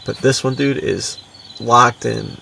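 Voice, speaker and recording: Speaking slowly in a gravelly, pushed, bright mid-range voice with fairly even intonation, this American podcast co-host and adventure fiction author keeps things informal. He leans on slang, peppering his talk with "dude" and "like." He's picked up from a distance, with a bit of background noise.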